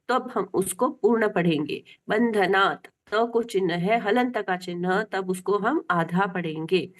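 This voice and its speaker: A woman leads a chanting lesson at an unhurried, measured pace. She draws out the syllables in long sustained notes, then breaks off to explain how each sound should be said with careful, patient repetition. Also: mid-range voice. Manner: drawn-out, deliberate chanting with repetition. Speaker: Sanskrit chanting teacher.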